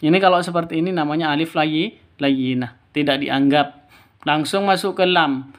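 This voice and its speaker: A man teaching beginners to read the Quran, chanting verses slowly and then explaining each rule, correcting himself and repeating examples. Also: a little high. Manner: alternates slow drawn-out chanted recitation with brisk explanations. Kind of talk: step-by-step recitation lesson for beginners.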